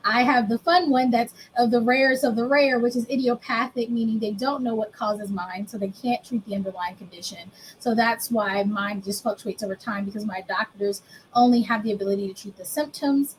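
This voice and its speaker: A woman's voice: on the high side, fairly even intonation, brisk, a little hiss or hum, low-quality recording. A woman in her thirties from the United States, candidly telling her own story as an interview guest, plain and self-mocking. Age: 30s. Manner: candid, explains plainly, laughs at herself.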